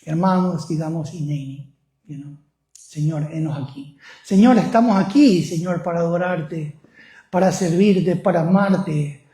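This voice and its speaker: A man's voice: on the high side, measured pace, dark tone, reverberant. A male pastor preaching a sermon, often putting questions to the congregation.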